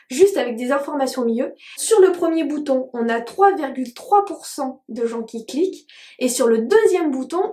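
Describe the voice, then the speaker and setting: High-voiced woman teaching in an echoey room. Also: a little mellow. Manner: chatty, frequent hesitations with "euh". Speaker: digital marketing trainer. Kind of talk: tutorial explanation to camera.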